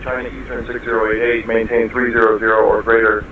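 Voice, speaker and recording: A man working as an air traffic controller, giving clipped, procedural instructions over a helmet radio. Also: mid-range voice. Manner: flat, brisk, procedural delivery. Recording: tinny radio with static.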